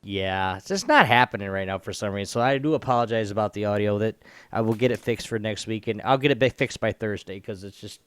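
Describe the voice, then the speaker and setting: This podcast co-host is a man who talks sports bluntly, emphatically and informally, sharing his opinions in a casual way. He has a lowish, clear, resonant voice with a slightly bright quality and a fast delivery, captured on a dry recording.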